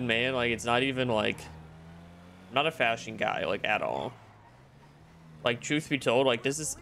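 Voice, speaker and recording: A man's voice: medium pitch, vocal fry, sharp tone, a little hiss or hum. A young man streaming, chatting casually and rambling with lots of fillers. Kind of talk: casual chat.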